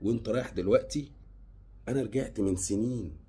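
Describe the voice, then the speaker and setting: A man with an Egyptian Arabic accent giving impassioned advice, scolding with sarcasm one moment and pleading in low, earnest tones the next. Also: fairly quick, mellow, husky. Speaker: advice vlogger.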